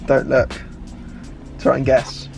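Casual male vlogger, twenties, southern English, mid-pitched gravelly voice, music underneath. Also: completely flat delivery, slow pace. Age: 20s. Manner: chatty, informal. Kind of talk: casual vlog chat. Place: in a parked car, on city streets and in shops. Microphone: handheld vlog camera at arm's length.

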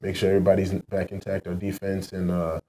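A young college basketball player answering postgame questions at a press table in a low-key way with many ums. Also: male voice, monotone, quick pace, dark tone, rough recording. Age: young adult. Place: press room in front of a team backdrop.

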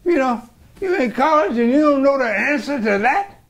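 A man's voice: very high voice, expressive, normal speed. A stubborn scolding father. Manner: scolding, repeats calls, shouts the name. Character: stubborn, grumbling father scolding his son. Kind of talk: comedy sketch acting.

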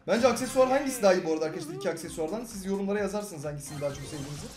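A young man with a Turkish accent giving excitable live gameplay commentary, talking to teammates and viewers with sudden loud outbursts. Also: high voice, rapid-fire. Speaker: gaming YouTuber. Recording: roomy sound with game music behind.

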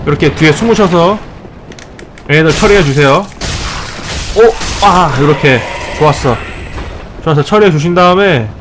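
A man hosting a let's play, giving joking step-by-step tips and scolding the enemies he fights, with sudden excited outbursts. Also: on the high side. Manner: playful mock-tutorial tone, scolding enemies. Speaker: gaming channel host.

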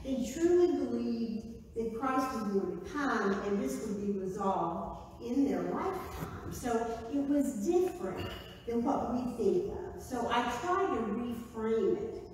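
A woman, a pastor giving a conversational, animated sermon in a church. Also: fairly high pitch, unhurried, a little hiss or hum. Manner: conversational, animated, gestures while preaching. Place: church sanctuary, indoors. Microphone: far camera. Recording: echoey sanctuary from far off.

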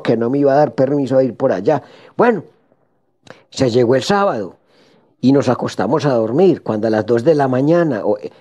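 A man telling a funny story, animated, acting out the voices of the people in it. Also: medium pitch. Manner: animated storyteller, acts out voices of wife and others. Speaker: joke teller. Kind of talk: storytelling joke.

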